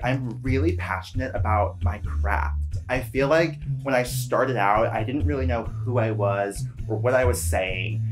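An actor playing a pompous young actor. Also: male voice, mid-range voice, natural voice. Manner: earnest, pompous. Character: earnest self-absorbed young actor.

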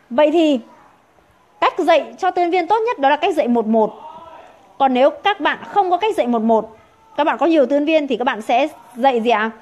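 A woman's voice: high-pitched, a little mellow. A woman training sales consultants, emphatic and full of rhetorical questions. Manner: emphatic, rhetorical questions, acts out quoted objections.

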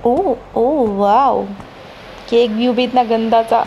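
A woman's voice: fairly high pitch, slow pace, warm tone, highs cut off, slight background noise. A woman streamer giving casual let's-play commentary, chatty and teasing, with mock-scared exclamations. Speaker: gaming streamer.

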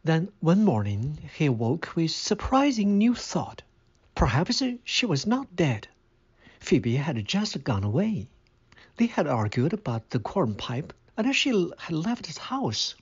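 A man narrating a story aloud in a measured, careful read-aloud style, on a dull lo-fi recording. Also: a little high, sing-song, husky.

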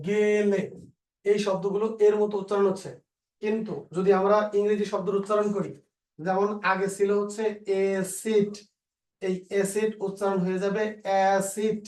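A male teacher with a Bangladeshi Bengali accent, slowly dictating spelling rules and repeating example words. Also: high voice, a little mellow. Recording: echoey room, voice a bit far from the mic.

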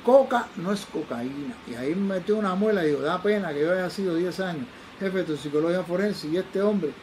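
A man's voice: high-pitched, fast, darkish tone, slight background noise, rough recording. An older man with a Cuban accent, a forensic toxicologist telling his own stories with animation and acting out the people he quotes. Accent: Cuban Spanish. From Cuba. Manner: acts out the voices of people he quotes. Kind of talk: animated personal storytelling.

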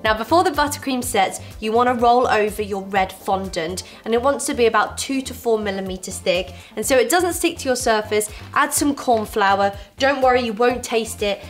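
A young woman, hosting a baking tutorial from her home kitchen and giving friendly, reassuring step-by-step instructions. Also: mid-range voice. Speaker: baking show host. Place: home kitchen with fairy lights.

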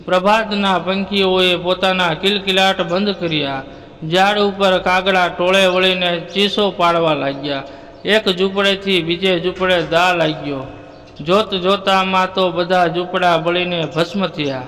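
A man hosting a storytelling channel, reading a folk tale aloud in a measured, descriptive way. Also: sits high, fairly even intonation, sharp tone. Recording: long hall reverb.

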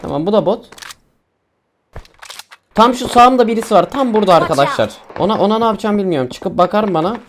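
A young man casually commentating his own mobile shooter gameplay, chatty and excitable, talking to viewers and teammates. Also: sits high, fast talker, long pauses, background noise. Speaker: gaming streamer.

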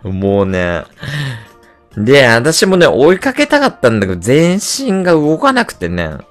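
A man livestreaming in casual chat, telling stories in an animated, rough and slangy way. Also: medium pitch, measured pace, soft background music. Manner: animated ranting storyteller, rough slangy speech.

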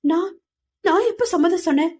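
A woman's voice: sits high, lively intonation, brisk, pitched above the performer's own voice. A woman voicing a young female student who speaks in a hurt, defiant and emotional way. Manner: emotional, pleading.

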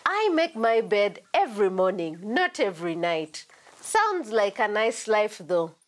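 A woman's voice: medium pitch, very animated, a little slow. A woman playing a curious, friendly hiker in a scripted children's educational sketch. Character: curious friendly female hiker questioning a gorilla.

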